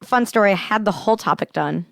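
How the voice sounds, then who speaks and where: A woman's voice: medium pitch, expressive, quick pace, creaky, dry recording, clean studio sound. A young woman co-hosting a whiskey podcast, chatting casually, blunt and teasing with frequent laughs. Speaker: podcast co-host. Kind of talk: casual chat and whiskey review.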